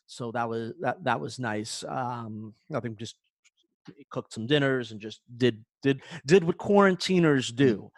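A man co-hosting a podcast, telling a story with lots of restarts and animated swings. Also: medium pitch, a little slow, no echo, clean studio sound. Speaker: podcast co-host. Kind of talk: casual chat.

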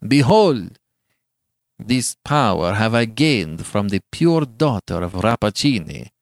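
A man's voice: lowish voice, very animated, slow pace, no room sound, clean studio sound, full character voice. A man playing a passionate, bitter young man in a storybook, declaiming with venomous scorn in archaic language. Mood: bitter accusation.

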